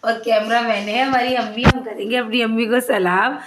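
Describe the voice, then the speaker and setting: A woman's voice: fairly high pitch, steady tone, moderate pace, roomy sound, distant mic, heavy background noise. A woman from Pakistan, chatting to viewers in a home vlog while she cooks in her kitchen at night. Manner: chatty, pious, talks to viewers while cooking. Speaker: vlogger. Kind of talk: casual home vlog narration.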